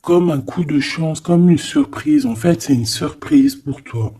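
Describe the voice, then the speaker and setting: Speaking at a measured pace in a slightly high, mellow voice, this host improvises a relaxed tarot reading. His phrasing is hesitant and repetitive, sprinkled with "hein," and he talks to the listener in a familiar way.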